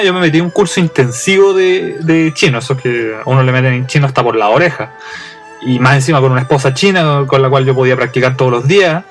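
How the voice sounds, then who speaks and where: A young adult man from Chile with a Chilean accent, hosting a casual storytelling monologue in a chatty, humorous way, full of restarts and fillers. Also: medium pitch. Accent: Chilean Spanish. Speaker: podcast host.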